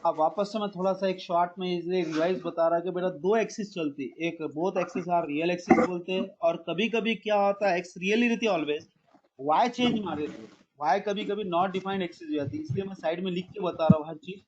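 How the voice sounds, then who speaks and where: A man's voice: sits high, moderate pace, a little mellow, dull audio, slight background noise. A man teaching a math class online, calling his students "beta" and mixing English math terms into his explanations.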